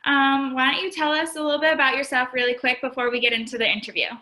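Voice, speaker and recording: A woman's voice: sits high, steady tone, fast, sharp tone. A young woman interviewing a guest over a video call, upbeat and casual. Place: home kitchen indoors.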